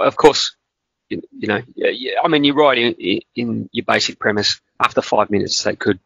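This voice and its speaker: A man's voice: lowish voice, vocal fry, fairly bright tone, no echo. A man co-hosting a casual Australian football podcast, hesitant and rambling with many restarts, on a dull, dry lo-fi recording. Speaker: podcast co-host.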